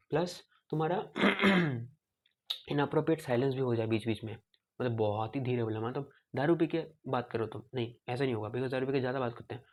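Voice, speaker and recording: A young man gives an informal medicine lesson at a medium pitch. He slips between Hindi and English mid-sentence. He often acts out the speech sounds he is describing. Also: a little mellow. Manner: informal, mixes Hindi and English, demonstrates speech patterns aloud; frequent throat clearing. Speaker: medical tutor. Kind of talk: casual Hinglish lecture.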